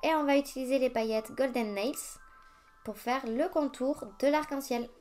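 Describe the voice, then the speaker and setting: A woman's voice: high-pitched, normal speed, a little mellow. A woman talking through a nail art tutorial step by step, chatty and ready to laugh at her own slips. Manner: chatty, self-mocking, narrates each step. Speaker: nail artist. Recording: faint music behind the voice. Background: faint music.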